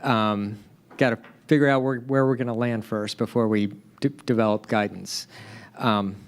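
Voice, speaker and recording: A man's voice: lowish voice, steady tone, moderate pace. A man on a panel answering audience questions, hesitant with many fillers. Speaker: agency panelist.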